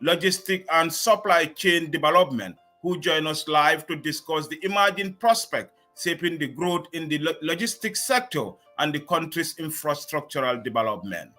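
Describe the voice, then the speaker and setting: A man hosts a current-affairs interview with a bright, forceful tone and a fairly high voice. He reads his introductions in a formal, measured way and puts his questions plainly. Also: animated, soft background music. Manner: measured, formal scripted delivery. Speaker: news talk show host.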